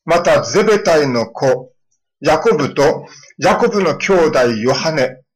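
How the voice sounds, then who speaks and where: A middle-aged male pastor preaching a sermon, telling stories and acting out children's lines in a lively way. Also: a little high, measured pace, husky, poor audio. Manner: storytelling with lively voiced quotes of children.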